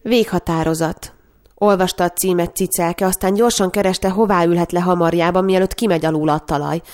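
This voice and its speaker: A woman narrating a story aloud in a calm, expressive reading. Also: fairly low pitch.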